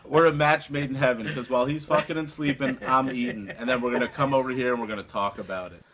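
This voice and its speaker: A man's voice: medium pitch, steady tone, quick pace, crowd noise. A man hosting a comic talk show, opening in a mock-showy, profane way. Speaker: host.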